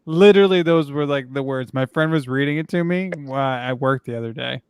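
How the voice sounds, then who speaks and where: A man's voice: medium pitch, fairly quick, smooth, no echo, clean studio sound. A man co-hosting a casual gossip chat, telling stories animatedly and laughing easily. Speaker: co-host.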